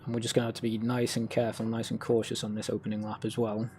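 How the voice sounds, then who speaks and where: A man's voice: on the low side, monotone, quick pace, a little mellow, a little hiss or hum. A man doing casual live commentary while playing a racing game, with understated, self-deprecating asides. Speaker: sim racing streamer. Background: racing car engines from the game.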